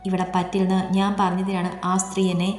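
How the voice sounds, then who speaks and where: A woman voicing a distressed young wife who tells her trouble haltingly and tearfully, read as story dialogue. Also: fairly low pitch, monotone, close to an everyday voice. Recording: echoey room, long reverb, soft music.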